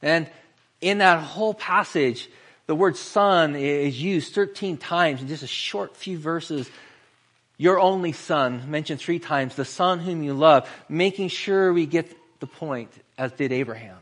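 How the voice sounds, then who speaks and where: A man preaching a sermon in an earnest way, slowing down and pausing for emphasis. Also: a little high, fairly bright tone. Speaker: pastor.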